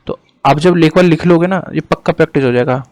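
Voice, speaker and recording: A male teacher lectures casually over a diagram on screen, dictating definitions slowly word by word, then explaining faster in between, occasionally apologizing for hesitating. His voice is on the high side with a darkish tone, and there's no room sound.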